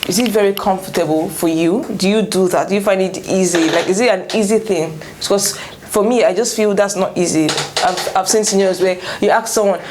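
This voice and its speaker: A woman's voice: medium pitch, fairly quick, few pauses, noisy background. A woman hosting a casual discussion show, leading the talk with questions. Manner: leads with questions. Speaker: host. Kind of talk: casual panel chat.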